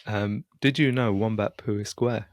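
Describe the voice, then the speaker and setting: A man's voice: fairly low pitch, fairly even intonation, moderate pace, slight background noise. A man co-hosting a podcast in casual chat, teasing and playful. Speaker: podcast co-host.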